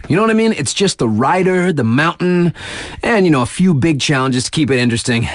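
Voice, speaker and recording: An actor plays a laid-back, wry young male DJ on a ski mountain radio station for a snowboard game, with slangy, offhand, casual patter and an upbeat mood. His voice is a little high, with no room sound.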